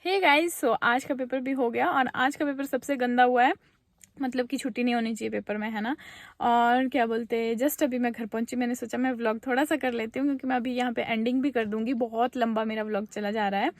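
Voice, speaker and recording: A woman's voice: fairly high pitch, steady tone, fairly quick. Chatty young woman vlogging at home. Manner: chatty, coaxing a toddler. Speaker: vlogger and mother. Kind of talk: casual home vlog. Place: at home and in a car.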